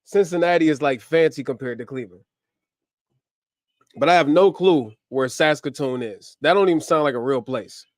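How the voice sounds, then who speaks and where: A man hosting a casual livestream from home, upbeat and slangy as he gives shout-outs to viewers, a little short on sleep. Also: on the high side, normal speed, no room sound, clean studio sound. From US, grew up in Ohio. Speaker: livestream host. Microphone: camera mic on a livestream setup.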